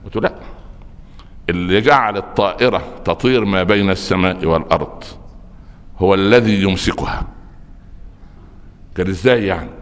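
A man preaching a Friday sermon in Egyptian Arabic, telling stories with lively rhetorical questions and often stumbling over repeated words. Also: sits low, normal speed, long pauses. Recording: long hall reverb.

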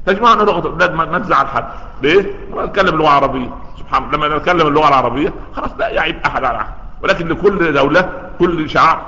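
A man preaching a sermon, telling stories and acting out the voices of the people in them. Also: sharp tone. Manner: storytelling, acts out quoted voices with big pitch swings. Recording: echoey long-reverb hall, dull lo-fi sound.

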